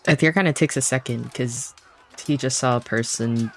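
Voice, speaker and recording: A man playing a tabletop game, describing his character's moves in a measured way. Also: medium pitch, a bit bright, faint music behind. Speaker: player.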